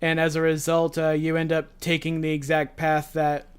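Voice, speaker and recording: A man's voice: fairly high pitch, monotone, normal speed, clear, resonant tone. A man hosting a casual reaction chat, explaining background at length with frequent fillers and restarts. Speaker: reaction show host.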